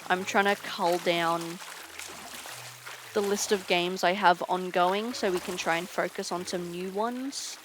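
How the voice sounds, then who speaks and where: A young woman game streamer chatting casually while she plays, tired and low on energy, rambling with frequent ums. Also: steady tone, measured pace. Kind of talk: casual chat while gaming. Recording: noisy game audio behind.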